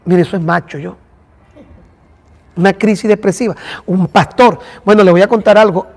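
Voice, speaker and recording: Pastor guy teaching a church class, kinda high voice, long echo in the hall. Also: fairly even intonation, normal speed. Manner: addresses listeners by name, conversational.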